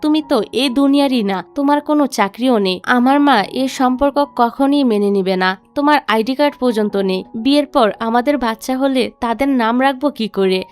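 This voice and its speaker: A woman's voice: high-pitched, moderate pace, few pauses, natural voice. A woman voicing an anxious, lonely young office assistant who talks in a plaintive, pleading way. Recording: faint background music.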